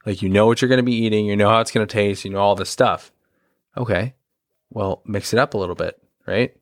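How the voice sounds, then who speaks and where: A young man co-hosting a podcast, chatting casually about fitness in a relaxed, rambling way with lots of fillers. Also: on the low side, brisk, dry recording, studio quality. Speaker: podcast co-host.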